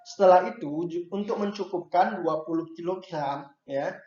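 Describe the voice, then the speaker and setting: A man's voice: high voice, normal speed, darkish tone. A man teaching young children from a workbook, patiently explaining each task and often adding short checks like "ya" and "nah". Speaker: primary school teacher. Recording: echoey room, dull lo-fi sound.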